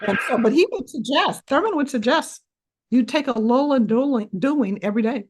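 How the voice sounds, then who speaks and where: A woman, an author being interviewed on a podcast, speaking thoughtfully and often pausing to search for words. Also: high-pitched, expressive. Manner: thoughtful, hesitant, with many fillers. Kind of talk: conversational interview.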